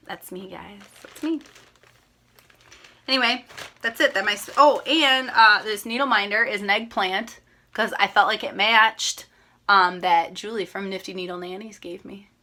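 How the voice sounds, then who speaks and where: A young woman from Minnesota talks straight to her viewers with a bright, forward tone. She rambles, backtracks and gushes, a cross-stitch host chatting casually while her voice sounds a little worn. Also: mid-range voice, fairly even intonation, moderate pace. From Minnesota, USA. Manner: rambling, chatty, self-correcting; upbeat and gushing. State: slightly losing her voice.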